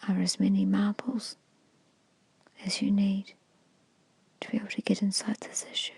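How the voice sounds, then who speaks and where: Speaking close to a very dry microphone, a woman whispers a guided meditation, her voice extremely breathy and hushed with a creaky grain. She moves slowly and calmly in the manner of an ASMR hypnosis narrator, keeping a mid-range, even tone.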